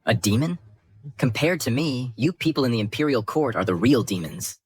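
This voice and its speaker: An actor playing a calm, defiant young hero confronting a villain in a dubbed drama. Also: male voice, medium pitch, husky, no room sound, studio quality. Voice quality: cool, steady, measured.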